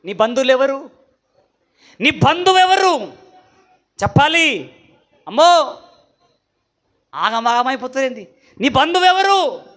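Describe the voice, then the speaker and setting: A male pastor, singing worship and then preaching with rhetorical questions and sudden loud exclamations. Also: very high voice, sing-song, slow pace, pauses often. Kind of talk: sung worship and sermon.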